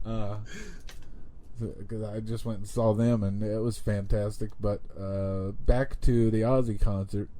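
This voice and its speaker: A man's voice: fairly low pitch, flat delivery, unhurried, dark tone. A man in his thirties hosting a podcast, teasing his old friend and laughing often. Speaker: podcast host. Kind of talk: casual podcast banter.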